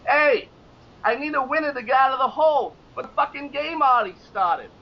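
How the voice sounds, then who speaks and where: A loud, cursing male bettor with a thick New York accent, as a man puts him on. He pushes his voice up high and sharp. The recording is slightly dull, with faint background noise. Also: fairly quick. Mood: exasperated. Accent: put-on New York.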